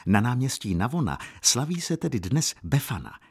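A man's voice: mid-range voice, gravelly, slightly rough, voice pushed up, exaggerated voice. A man playing a proud motherly landlady. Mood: lively. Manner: lively, coaxing, proud. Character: proud motherly Roman landlady in her forties.

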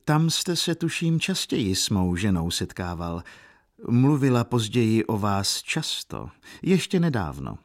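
A man's voice: lowish voice, sing-song. A man reading as a tired, distracted older husband. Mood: absent-minded. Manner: weary, absent-minded.

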